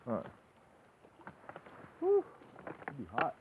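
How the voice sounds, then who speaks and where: A man's voice: fairly high pitch, huge pitch swings, slow, phone-quality sound, noisy background. A man vlogging on a rocky lakeshore hike, talking in a sing-song, playful way to his dog. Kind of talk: playful outdoor vlog narration. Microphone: phone camera.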